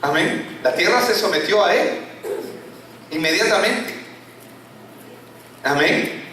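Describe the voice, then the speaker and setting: A male pastor preaching a sermon, full of rhetorical questions and falling low on key words. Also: lively intonation, slow pace, pushed and bright, slight background noise. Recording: echoey church hall from far off.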